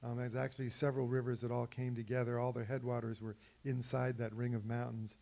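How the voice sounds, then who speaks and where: A man giving an illustrated talk about an expedition, telling stories over his slides in a relaxed way with frequent fillers and restarts. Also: mid-range voice, brisk, vocal fry. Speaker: speaker presenting slides of an expedition.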